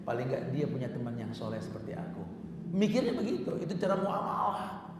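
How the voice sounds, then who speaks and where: A man's voice: mid-range voice, a little fast, very noisy. Man preaching in an echoey hall. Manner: lively, shifting between loud exhortation and soft quiet asides; casual slang mixed with Arabic verses. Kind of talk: Islamic sermon. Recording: echoey hall with long reverb.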